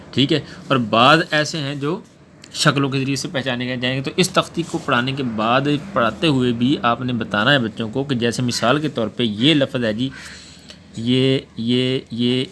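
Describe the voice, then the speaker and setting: Guy teaching quran letters, patient and steady, says each sound slow, faint hiss behind. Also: medium pitch. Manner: patient, repeats letters slowly for pupils to echo. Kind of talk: spoken Urdu lesson.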